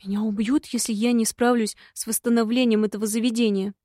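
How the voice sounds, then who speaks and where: A woman's voice: a little high, level tone, fast talker, warm tone, no room sound, clean studio sound, lightly acted. A woman voicing a grumbling, sighing male imp who keeps an inn, reading an audiobook. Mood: worried. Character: grumbling male imp innkeeper, long-eared, gloomy.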